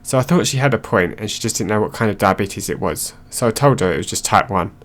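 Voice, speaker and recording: Low-voiced man reading stories aloud. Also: expressive, fast, fairly bright tone. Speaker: narrator.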